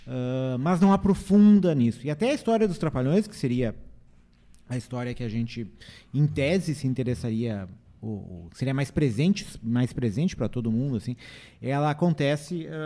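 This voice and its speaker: Cara de voz mansa com sotaque gaúcho, hesitando bastante enquanto fala do filme. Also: male voice, medium pitch, moderate pace, mellow. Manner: easygoing, hesitant, many fillers. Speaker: film critic. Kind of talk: casual film review chat.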